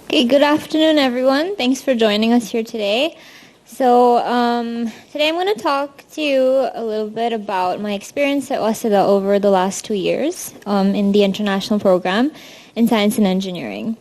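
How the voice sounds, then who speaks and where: A woman's voice: fairly high pitch, moderate pace, darkish tone. Young Indian-born woman giving a student talk. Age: young adult. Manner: casual, frequent ums, friendly. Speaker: student presenter. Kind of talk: presentation talk.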